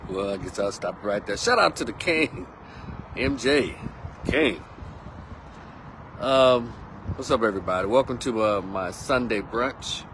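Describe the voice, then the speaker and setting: A man's voice: fairly low pitch, animated, measured pace, long pauses. Texan man, 50s, vlog host, easygoing rambling chat, outdoors with a light hiss of wind and traffic. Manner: chatty and rambling, laid-back slang. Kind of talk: casual monologue. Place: outdoors on a windy day.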